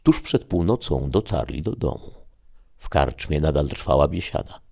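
A man narrating a story in a measured, steady reading style. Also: a bass voice, vocal fry.

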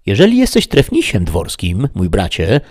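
A man's voice: wildly swooping pitch, moderate pace, darkish tone, full character voice. A man reading aloud, voicing a haughty, indignant older woman who serves as a castle duenna. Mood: scolding. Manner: shrill, scolding, haughty.

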